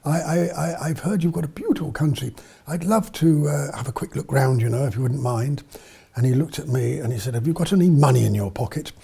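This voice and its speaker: Older English-born priest, 70s, very dark husky voice, rambling storyteller. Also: male voice, mid-range voice, brisk. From England. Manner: rambling, self-correcting storyteller. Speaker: missionary priest. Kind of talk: storytelling interview. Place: studio.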